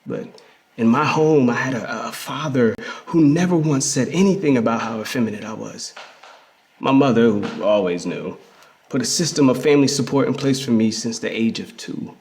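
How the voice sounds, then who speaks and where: Music plays under an actor's dramatic memoir reading, his medium-pitched voice natural and a little mellow, the mood earnest and impassioned. He portrays a reflective queer man fondly recalling his hustling grandmother, in a theatrical first-person monologue told conversationally with emphasis, pauses and repeated words.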